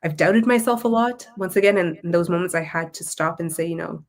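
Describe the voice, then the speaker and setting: This Toronto woman with a Canadian accent, a content creator and Tamil language teacher, is an interview guest. Her voice is lowish and a little fast, and she speaks in a reflective, articulate, conversational way.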